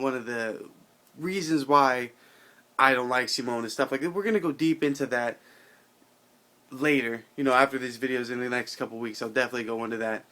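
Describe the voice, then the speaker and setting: A tipsy, tired man rambling casually to his channel's viewers, halting, repeating himself and swearing in loose slang. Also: mid-range voice, pushed and bright. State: drunk, somewhat intoxicated and tired. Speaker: video channel host. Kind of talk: casual rambling vlog monologue.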